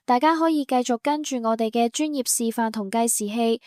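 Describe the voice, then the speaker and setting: A woman reading a scripted instructional voice-over for a beauty salon, in an even, promotional step-by-step manner. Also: on the high side, brisk, no room sound, clean studio sound.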